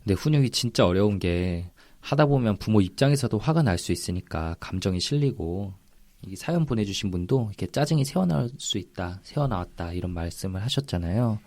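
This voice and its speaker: A man's voice: on the low side, a little fast, dry recording. Chatty man podcast host, dry close sound. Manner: chatty storyteller, lively anecdotes. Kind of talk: casual podcast chat.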